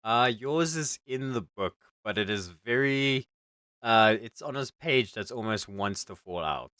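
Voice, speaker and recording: A man's voice: mid-range voice, expressive, unhurried, pushed and bright, clean tone, no room sound, clean studio sound. A man casually narrating a tabletop game as game master, improvising informally.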